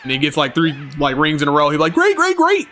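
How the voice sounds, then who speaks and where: Bright-voiced laughing streamer man. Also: on the high side, fast. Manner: animated slangy storytelling, laughs often. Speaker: gaming streamer. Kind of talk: casual livestream chat.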